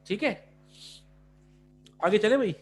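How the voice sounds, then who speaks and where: Faint music plays behind an animated, high-voiced man teaching Arabic vocabulary to a class. He switches between Urdu and English and keeps asking whether his students understand.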